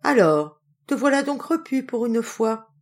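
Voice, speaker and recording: Woman doing an angry old storybook tailor, lively exclamations. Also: a little high, a little slow, pitched above the performer's own voice. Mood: coaxing. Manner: exclaiming, scolding. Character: old tailor, quick-tempered and indignant.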